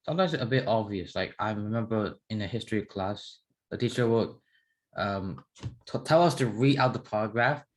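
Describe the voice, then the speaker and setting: Young man, Burmese accent, lower register, informal chatty student. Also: expressive, normal speed. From Myanmar. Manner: chatty, informal, frequent "like" and repeated words. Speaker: English student. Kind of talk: casual class discussion.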